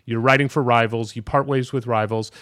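Male podcast host; conversational, long-winded questioner; mid pitch, dry recording. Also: fairly even intonation, brisk, a bit bright, no echo. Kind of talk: casual podcast interview.

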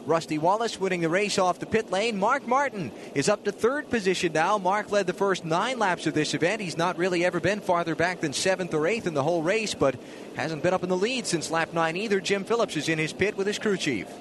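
A male motorsport commentator anchors a live stock car broadcast in a slightly high voice. Engine noise from the track is clearly audible behind him. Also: fairly quick. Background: race track engine noise.

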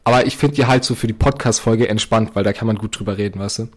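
A teenage boy co-hosting a podcast in casual chat, talking loudly and eagerly, his mic overdriven and clipping. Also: lowish voice, quick pace. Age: teens. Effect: clipping, overdriven distorted mic. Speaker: podcast co-host.

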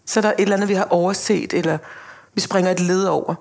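Low-voiced woman chatting animatedly. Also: gravelly. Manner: animated, acts out quotes, laughs while talking. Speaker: film director, guest. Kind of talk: casual podcast conversation.

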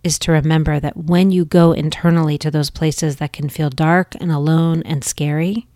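A woman hosting a podcast, giving a gentle, earnest spiritual teaching with soft restarts. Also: sits low, steady tone, normal speed, no room sound, studio quality.

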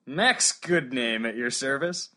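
A woman's voice: rumbling low, animated, slow, pushed and bright, voice pushed down, exaggerated voice. A woman voicing a plucky young man who wants to be a knight, hesitant and stammering when put on the spot. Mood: flustered. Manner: hesitant, stammering under pressure. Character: young male would-be knight, nervous but plucky.

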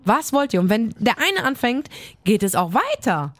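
A woman's voice: on the high side, big pitch swings, a bit bright, no echo. A woman co-hosting a podcast, telling stories in an emphatic, fiery way in casual chat. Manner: fiery storytelling, quick, emphatic. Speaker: podcast co-host.

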